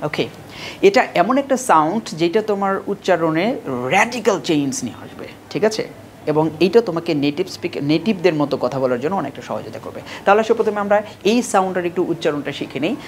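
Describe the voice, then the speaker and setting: A woman with a Bangladeshi accent and a fairly low voice runs a pronunciation lesson. She talks straight to her students and drills words again and again at a slow, careful pace. Faint noise sits under the recording. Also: animated, darkish tone. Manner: slow drilled repetitions, addressing students directly. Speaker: English pronunciation teacher.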